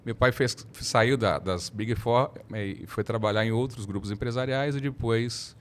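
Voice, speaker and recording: A Brazilian man in his thirties, a lawyer telling his story as a podcast guest in a measured, reflective way. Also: mid-range voice. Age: 30s. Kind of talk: casual interview talk.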